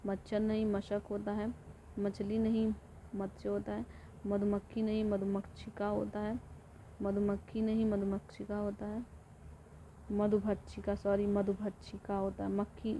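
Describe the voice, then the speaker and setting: A woman teaches an exam-prep lesson, running through word pairs in an almost completely flat voice and repeating each one as a drill. Her pitch sits in a middle range. The recording is dull and lo-fi, with a faint hiss underneath. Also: a little slow. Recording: dull lo-fi audio with faint noise.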